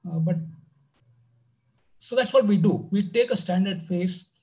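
A high-pitched man teaches an online math class. He keeps it loose and conversational, dropping "you know" between points. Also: measured pace, dark tone, poor audio. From India. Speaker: lecturer.

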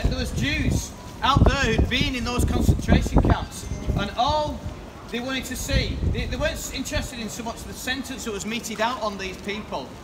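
A man preaches outdoors on a rainy shopping street, his voice very high and picked up from a distance. He talks to people walking past and keeps putting questions to them. Loud street noise sits under everything he says. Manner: chatty, questions passers-by directly. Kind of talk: open-air street preaching. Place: rainy town-centre pedestrian street, outdoors. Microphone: far camera across the street.

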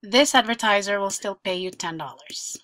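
A woman's voice: medium pitch, normal speed, fairly bright tone. A woman presenting a screen-share tutorial, talking through each example step by step in an explanatory way.

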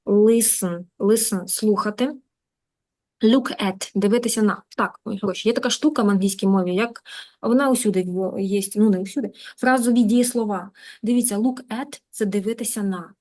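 A Ukrainian woman teaching a beginner English class online, in a lively, coaxing manner, repeating words to drill pronunciation. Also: mid-range voice. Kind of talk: live online lesson.

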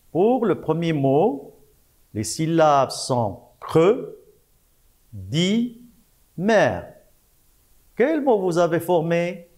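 A male primary teacher talks very slowly and patiently to small children, breaking words into syllables and saying each word again. His voice has a middle pitch but moves up and down a lot, giving each word a sing-song lift. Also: darkish tone. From Morocco. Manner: spells out syllables slowly, repeats words, praises often. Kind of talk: slow, patient French lesson for young children.

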